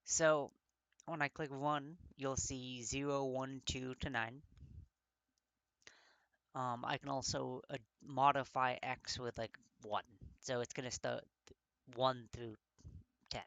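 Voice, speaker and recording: Halting, tongue-tied man teaching code. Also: mid-range voice, fairly even intonation, fairly bright tone, smooth, no echo. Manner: halting, gets tongue-tied and corrects himself; thinks aloud with many fillers. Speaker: coding tutor. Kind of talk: casual screen-recorded coding walkthrough.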